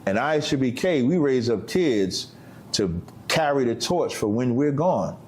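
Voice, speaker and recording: As an interviewed guest in loose, casual chat, a man in his 50s speaks emphatically, full of street slang and a sermon-like tone. His medium-pitched voice is animated and a little slow.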